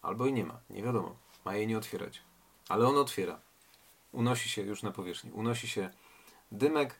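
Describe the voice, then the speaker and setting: Husky-voiced man reading and reflecting. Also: lowish voice, brisk, fairly bright tone. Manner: reflective, asks rhetorical questions. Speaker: reader and literary commentator. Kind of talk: story reading with commentary.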